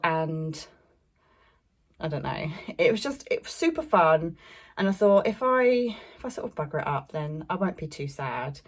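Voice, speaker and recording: A young woman chatting casually about fabric she bought, rambling with lots of fillers and little laughs. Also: deep voice. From England. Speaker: sewing vlogger. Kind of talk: casual fabric haul chat.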